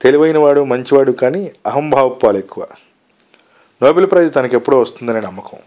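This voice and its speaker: A man narrating a short story aloud in a calm, measured storytelling manner. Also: medium pitch, dull audio. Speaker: story reader.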